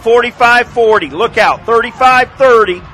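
An American man doing live football play-by-play, calling a touchdown excitedly with his voice rising. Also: extremely high pitch, normal speed, slight background noise, low-quality recording. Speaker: play-by-play sports announcer. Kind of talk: live American high school football commentary.

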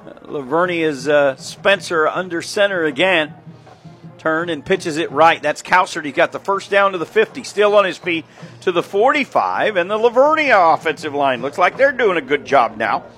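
Guy doing play-by-play for a local football game, high bright voice, gets loud on big runs. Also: faint music behind. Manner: rapid excited calls of plays, counting yard lines. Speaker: play-by-play announcer. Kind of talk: local radio football commentary.

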